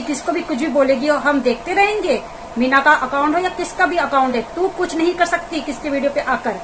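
A woman's voice: sits high, noisy background. A woman vlogger delivering an indignant, scolding commentary rant aimed straight at the person she criticizes. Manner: scolding, indignant, addresses the target directly.

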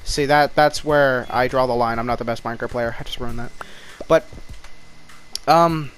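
A man's voice: mid-range voice, steady tone, normal speed, a little hiss or hum. A man giving casual commentary over his own gameplay, rambling and mocking himself, jittery from too much caffeine. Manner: rambling, self-mocking talk. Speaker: gaming YouTuber.

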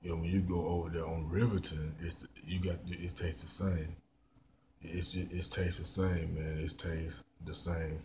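A man in his thirties, a vlogger born in Memphis and raised in Mississippi, reviews food while eating in a casual vlog, rambling and repeating himself in a Memphis Southern accent. His voice is deep and flat at a normal speed. He films indoors on a handheld phone held at arm's length, with background noise audible.

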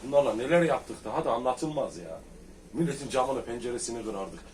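A man's voice: mid-range voice, brisk, darkish tone. A man telling rowdy childhood school stories in casual chat with friends, laughing often and acting out the old exchanges. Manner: boisterous storyteller, laughs often. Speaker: comedian recalling school days. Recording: distant mic, faint background noise.

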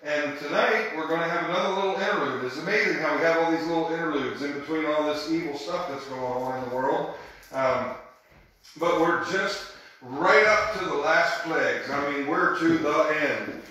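A man's voice: fairly high pitch, normal speed, pushed and bright, heavy reverb, rough recording. A man leading a Bible study in a church room, teaching conversationally and emphatically and often checking in with his group.

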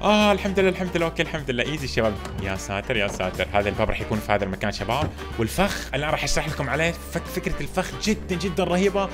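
A young man giving excitable gameplay commentary, animated and quick to burst into loud exclamations and English slang. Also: a little high. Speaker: gamer streamer. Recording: music playing under the voice.

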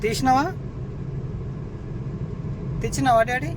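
Young woman, gentle coaxing mother, repeats herself, outdoors, loud traffic noise behind. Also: high-pitched, fairly even intonation, measured pace. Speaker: mother talking to her toddler. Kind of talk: casual home video chat.

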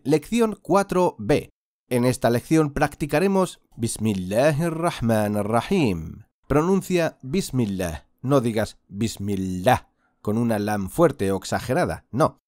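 A patient male Quran recitation teacher with a lively pitch, recorded in studio quality with no room sound. He gives a slow instructional lesson, drawing out sounds in demonstration and running repeat-after-me drills.

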